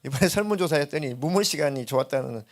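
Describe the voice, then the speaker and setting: A male pastor preaching in a church, with a voice a little higher than most men's. He tells his stories in an easy, conversational way and acts out the lines of the people in them in a raised voice. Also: lively intonation, fast talker. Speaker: senior pastor. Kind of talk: sermon. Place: church sanctuary.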